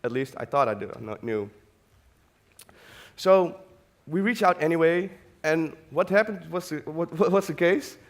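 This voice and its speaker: A man's voice: fairly high pitch, lively intonation, unhurried. A man hosting a conference who introduces the next speaker in a casual, enthusiastic, rambling way. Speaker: conference host. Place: conference hall.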